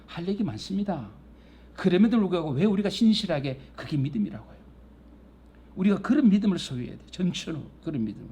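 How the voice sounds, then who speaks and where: A middle-aged male pastor teaching a Bible class in a church classroom, lively and teasing, acting out quarrels and God's voice. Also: sits high, fast talker, slightly rough.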